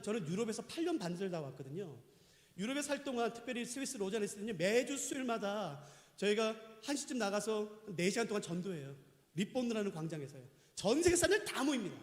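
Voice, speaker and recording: A man preaching with a very high voice that rises and falls dramatically, calling out questions to the congregation. His voice carries through a large church hall with a long, echoing reverb. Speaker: pastor. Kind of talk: sermon.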